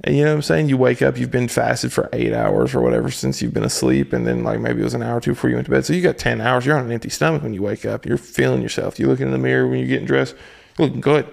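A man co-hosting a fitness podcast, talking in a relaxed, casual way. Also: mid-range voice, quick pace, gravelly. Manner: relaxed, laid-back, lots of fillers. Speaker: podcast co-host, coach. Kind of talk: casual chat.

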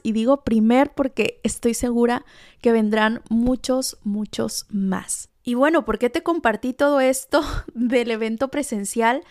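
A woman speaks in a resonant, polished voice that sits a little high. She talks enthusiastically and directly to the listener in a motivational spiritual monologue. The sound is close and dry, with no room around it. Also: a little mellow, no room sound. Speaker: podcast host.

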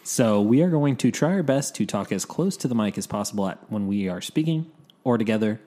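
A man's voice: lowish voice, lively intonation, brisk, warm tone. A man co-hosting a casual movie news podcast in an upbeat, informal way, recorded in an echoey untreated room. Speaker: podcast co-host. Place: new home podcast studio without soundproofing.

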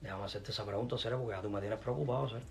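A man's voice: lowish voice, very fast, creaky, faint music behind. A man from Cuba with a Cuban accent, a musician ranting angrily at someone, repeating himself and cursing. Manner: repetitive, heated, cursing, ranting. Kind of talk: angry rant to camera.

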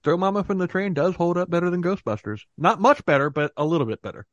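A man's voice: high voice, fast talker, no echo, highs cut off. A man hosting a podcast in casual chat, laughing often as he talks. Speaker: podcast host.

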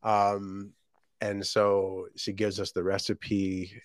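A man from Jamaica tells his story in a very low, deep voice, loose and casual, full of ums and self-corrections. The sound is dry and close, with no room around it. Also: monotone, takes it slowly, dry recording. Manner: rambling, many ums and restarts. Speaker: guest, shortbread business owner.

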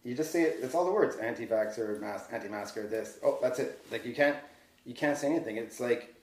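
Male podcast host, rapid heated rambling delivery, echoey room. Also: mid-range voice, darkish tone. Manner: fast, heated ranting with frequent swearing. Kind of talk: casual conversation. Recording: roomy echo.

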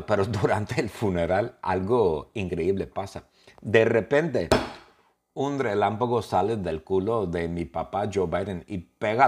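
A man voicing a dead little hamster back as a zombie, telling its own burial story, with a low voice that swings widely in pitch and keeps stopping to repeat and fix words, comic and unpolished. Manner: halting, repeats and corrects words often. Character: dead male pet hamster turned zombie. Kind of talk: improvised comic story in a second language.

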